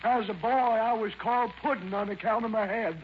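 A man's voice: sits high, fairly quick, natural voice. A man playing a dim-witted, meek country defendant in 1940s radio comedy, with rustic grammar. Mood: dopey, meek. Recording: muffled, very noisy old radio recording.

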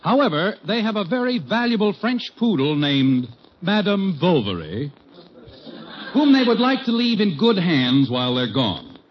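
A man announcing a 1940s radio comedy show in a formal, booming sponsor style, heard as an old radio show broadcast. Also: sing-song, a little slow, a little hiss or hum. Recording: dull lo-fi old radio broadcast with loud music.

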